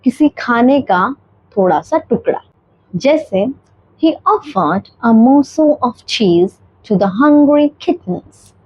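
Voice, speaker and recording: Woman, vocabulary teacher, fairly high voice, very slow drilled pronunciation, dull lo-fi sound. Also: lively intonation, slightly rough, dry recording. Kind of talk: bilingual vocabulary lesson.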